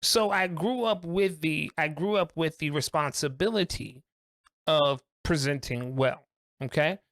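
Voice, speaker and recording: A man co-hosting a podcast discussion, talking earnestly and reflectively in deliberate, emphatic phrases. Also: fairly high pitch, fairly bright tone, dry recording, studio quality. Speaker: co-host.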